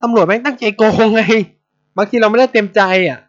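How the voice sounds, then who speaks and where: On a dull, lo-fi recording, the Thai podcaster uses a high-pitched voice at a slightly fast clip. His storytelling is casual, blunt, animated, and thick with swearing.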